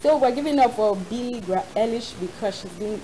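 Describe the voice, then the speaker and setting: A young woman, presenting a segment in casual studio chat, animated and quick to laugh. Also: a little high, a crowd in the background, rough recording. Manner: animated, laughs often, acts out quotes. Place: TV studio, seated with co-hosts.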